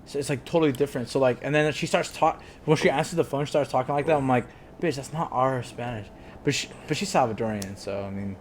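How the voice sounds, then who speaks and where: A man's voice: medium pitch, quick pace, hardly any pauses, a little hiss or hum. A young man co-hosting a podcast, telling stories in a casual chat, mimicking people and switching between English and Spanish. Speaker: podcast co-host.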